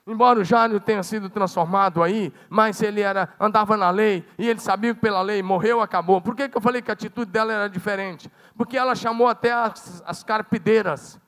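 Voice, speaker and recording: A Brazilian Portuguese-speaking man preaching a sermon as pastor, swinging dramatically between loud calls and hushed, low passages. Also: steady tone, brisk, few pauses. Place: church sanctuary. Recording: long church hall reverb.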